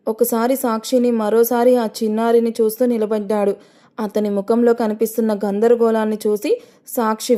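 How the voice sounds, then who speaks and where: A woman narrating a dramatic audio story in a measured, storytelling manner. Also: fairly high pitch, warm tone.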